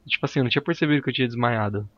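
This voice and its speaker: A man's voice: medium pitch, fairly bright tone, no room sound, highs cut off. A Brazilian man on a casual podcast, earnestly telling a spooky personal story. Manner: earnest, insistent, rapid storytelling.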